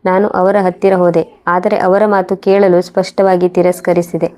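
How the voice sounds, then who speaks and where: Woman reading out a moral story in first person, steady and even, pretty flat delivery, soft mellow tone. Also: fairly low pitch, normal speed.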